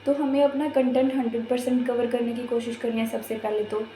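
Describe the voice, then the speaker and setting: A woman with a fairly high voice talks through an exam prep lesson in a casual, explaining way. She goes over each point patiently and often repeats it. The room is echoey, with faint music underneath. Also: fairly even intonation, a little fast, dark tone. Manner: repetitive, patient step-by-step explaining.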